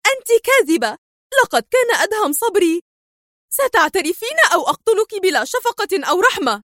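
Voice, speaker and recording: A ruthless female gang boss speaks with cold, harsh sternness, her voice climbing high and swinging widely as a woman reader puts her on. The sound is dry and close, without room echo. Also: very animated, brisk, a little mellow. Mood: furious.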